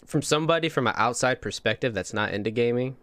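A man's voice: mid-range voice, lively intonation, fast talker, fairly bright tone, clean tone, no room sound. A young man from Indiana hosting a casual interview, laid-back and slangy. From Indiana, USA. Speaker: interview host.

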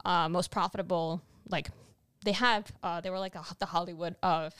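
A woman co-hosting a casual political podcast, talking in an animated, rambling way with many restarts. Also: fairly low pitch, normal speed, smooth, no room sound. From Latin America. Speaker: podcast co-host.

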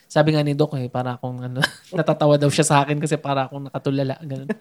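A man's voice: mid-range voice, little pitch movement, rapid-fire, a little mellow. Young guy rambling through a story, keeps hunting for the right word, easygoing chat. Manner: meandering storyteller, searching for words. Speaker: new father recounting a birth. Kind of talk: casual chat.

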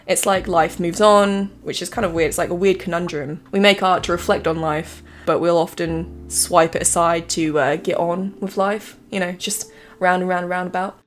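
A woman's voice: fairly low pitch, steady tone, moderate pace. A woman co-hosting a podcast in casual chat, rambling with lots of fillers and frequent giggles. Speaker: podcast co-host.

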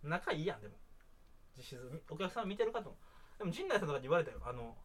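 A young man with a Kansai accent, co-hosting a comedy duo's podcast with teasing banter and loud mock outbursts. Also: a little high, big pitch swings, fast talker, husky. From Hyogo, Japan. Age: young adult. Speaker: comedy duo podcast co-host.

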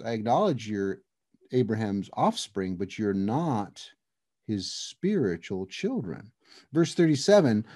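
A male preacher delivering a sermon who speaks straight to his listeners and slows right down to stress verses. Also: medium pitch, mellow, husky, no room sound, studio quality. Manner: emphatic, addresses the listeners directly; slows down to stress scripture phrases.

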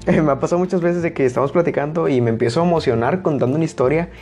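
Blunt, loud-talking young Mexican man. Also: fairly high pitch, rapid-fire, soft background music. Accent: Mexican Spanish. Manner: loud, blunt delivery that rises into shouting when excited. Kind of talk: casual storytelling monologue.

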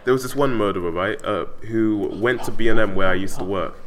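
A man's voice: lowish voice, brisk, crowd noise. A young man in casual chat with friends, telling rambling stories with fillers and laughs. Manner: rambling storyteller, laughs often, many fillers.

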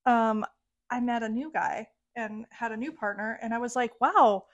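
A young woman co-hosting a podcast and chatting casually. She speaks candidly and breaks into giggles often. Her voice sits fairly high. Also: steady tone, normal speed, dull audio. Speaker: podcast co-host. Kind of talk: casual chat. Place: live-streamed podcast recording.

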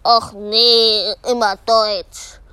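A grumbling schoolkid, voiced by a woman in a homemade audio drama, complaining about school and rushing a friend along. The voice is a little high and slow. It is heard close and dry. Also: level tone, sharp tone, clean tone, no room sound, full character voice. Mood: grumpy. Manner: grumbling, impatient. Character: grumpy, bored schoolkid. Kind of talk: amateur fan audio drama.

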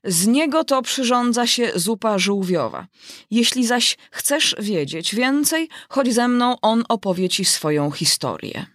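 A woman's voice: on the high side, lively intonation, measured pace, dry recording, studio quality, pitched above the performer's own voice. A woman voicing a tyrannical, ill-tempered queen in an audiobook, speaking in a commanding, imperious way.

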